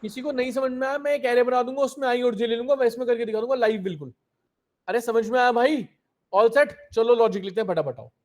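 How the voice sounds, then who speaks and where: Young male tutor, high-pitched, patient step-by-step explainer checking in with students. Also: quick pace. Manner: explains step by step, keeps asking if students understood. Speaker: coding teacher. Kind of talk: live online coding class.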